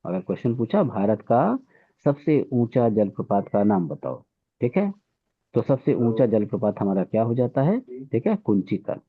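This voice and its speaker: A man's voice: mid-range voice, very animated, moderate pace, vocal fry, husky, no room sound. A man teaching an exam-prep lesson to students, drilling facts and repeating "theek hai" after each point. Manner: repetitive, keeps saying "theek hai". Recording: tinny phone-like audio.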